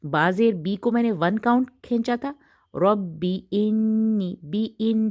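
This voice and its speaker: A woman teaching Quran recitation rules, explaining patiently and stretching the recited words out slowly. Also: fairly high pitch, expressive, muffled recording.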